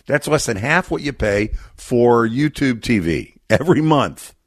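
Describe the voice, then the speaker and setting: A man's voice: mid-range voice, animated, unhurried, no room sound, clean studio sound. A middle-aged man from Texas, a charity guest on a radio interview, telling stories in an earnest, reflective way.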